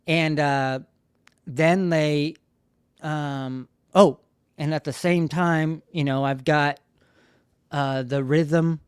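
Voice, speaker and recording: A man's voice: on the high side, steady tone, very slow, pauses often, clean tone, dry recording, studio quality. A man hosting a livestream, telling a long story in a rambling way with many fillers and restarts. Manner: rambling, many fillers and restarts, grows loud when reliving the shouting. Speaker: livestream host. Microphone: streaming studio mic.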